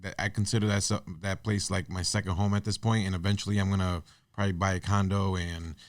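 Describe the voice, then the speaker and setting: A man's voice: deep voice, level tone, fast talker, dry recording, studio quality. A man in his thirties, a guest on a podcast, talking in a casual, earnest and reflective way with loose restarts. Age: 30s. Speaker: podcast guest, artist and business owner. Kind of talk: casual interview chat.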